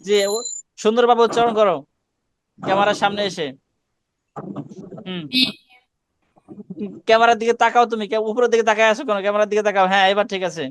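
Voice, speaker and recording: Quran tutor on a video call: man, high voice, quick and crisp, keeps correcting and repeating short commands. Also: steady tone, no room sound. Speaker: Quran recitation teacher. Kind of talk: online class instruction.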